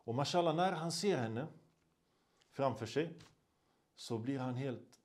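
Male preacher, mid pitch, lively storytelling sermon phrases. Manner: vivid storyteller, voices the characters, mixes Arabic phrases. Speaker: Islamic preacher.

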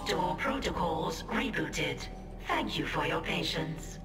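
A woman voicing a calm ship computer rebooting its systems, giving flat, measured automated announcements over a loudspeaker. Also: sits low. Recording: echoey distant speaker with loud music.

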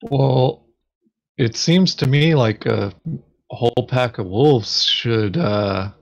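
A man with a medium-pitched, creaky voice speaks slowly while playing a board game, chatting casually and tossing out droll, joking asides. The recording has a dull, lo-fi microphone sound.

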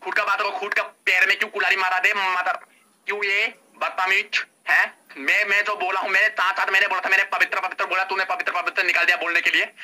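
A man's voice: high voice, level tone, fast, bright, forceful tone. A man ranting insults in a heated online live argument, repeating the same lines again and again. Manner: repetitive insulting rant. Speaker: live-stream participant.

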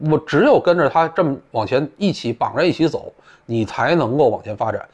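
A man's voice: mid-range voice, expressive, brisk. A man giving blunt, casual spoken commentary, colloquial and peppered with profane asides. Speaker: political commentator. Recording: dull lo-fi audio.

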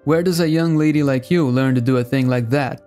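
A Brazilian man teaching English, friendly, explaining and repeating phrases slowly. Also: mid-range voice, mellow, soft background music. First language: Portuguese. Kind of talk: language lesson narration.

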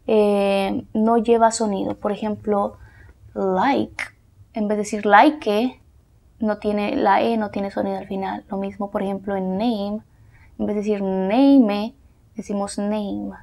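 A young woman with a Mexican Spanish accent, teaching English to Spanish speakers patiently, repeating words slowly and softly. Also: a little high, vocal fry. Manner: patient, repeats words slowly, drops to soft near-whispers.

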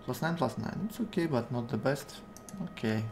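Young man, Russian accent, halting game streamer commentary, creaky voice, music and typing behind. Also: mid-range voice, animated. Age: 20s. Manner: halting, thinking aloud in short fragments. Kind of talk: casual live game commentary in English. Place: indoor room at a computer. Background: music, keyboard typing.

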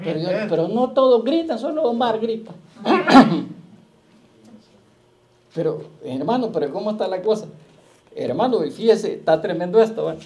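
A man pastor preaching a sermon, firing rhetorical questions at the congregation and slowing down to quote scripture. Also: high voice, very animated, a crowd in the background.

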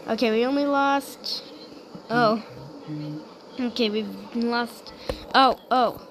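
Casting: woman gamer, slightly high voice, hushed and slow, on a noisy track with clicks. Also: steady tone. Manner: hushed, half-whispered talk. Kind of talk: gameplay commentary.

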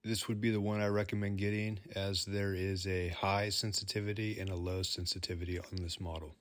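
A man's voice: deep voice, level tone, fairly quick, no echo. A man, a plumber, talking through a product review in an easygoing, plain-spoken way.

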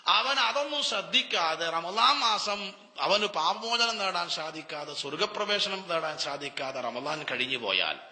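Bright-voiced preacher in an echoing hall. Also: male voice, fairly high pitch. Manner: dramatic storytelling with rhetorical questions and answers. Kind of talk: Ramadan sermon. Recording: long hall reverb.

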